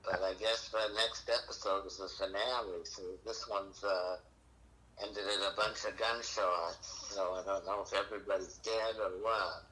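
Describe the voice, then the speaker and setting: A man in his seventies making a casual phone call, chatting in a drawn-out, meandering way. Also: sits low, steady tone, bright, forceful tone. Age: 70s. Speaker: caller on the phone.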